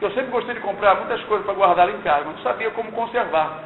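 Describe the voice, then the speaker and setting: Fast and high-voiced, an older man rushes through an earnest church testimony, exhorting his listeners in a sermon-like way and often asking "não é?". Audio quality is tinny and lo-fi, with echo from the room and a faint hiss.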